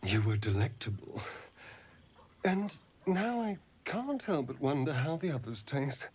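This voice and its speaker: An actor voicing a centuries-old vampire elf from a video game, who talks in a silky, theatrical way. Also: male voice, on the high side, very animated, unhurried, darkish tone, husky, full character voice.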